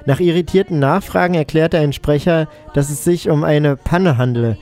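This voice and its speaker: A man's voice: fairly high pitch, moderate pace, mellow, faint music behind. A male radio co-host reading quirky news items and adding dry, ironic remarks. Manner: dry ironic asides after each news item. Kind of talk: casual joking news reading.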